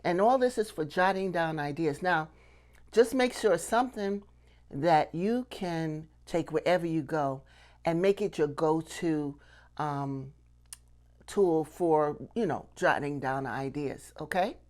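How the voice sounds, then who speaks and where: A middle-aged woman who teaches puppetry and hosts her own channel gives a relaxed instructional talk to camera. She often poses rhetorical questions and checks in with "okay?", speaking in a low, slightly mellow voice at a measured pace.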